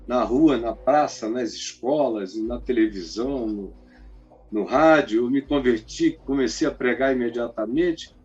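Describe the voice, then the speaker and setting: A man's voice: mid-range voice, a little mellow, husky. A man preaching in an emphatic, colloquial storytelling style. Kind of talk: storytelling sermon. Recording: dull lo-fi recording, faint music.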